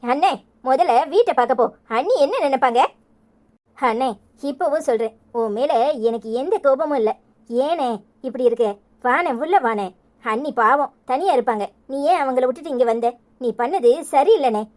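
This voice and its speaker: A woman's voice: high-pitched, expressive, a little fast, hardly any pauses, a little mellow. A woman voicing a young village daughter in a Tamil cartoon, coaxing her mother and brother to make peace, with a Tirunelveli accent. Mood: gentle. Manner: coaxing, reasoning, pleading. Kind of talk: cartoon voice acting.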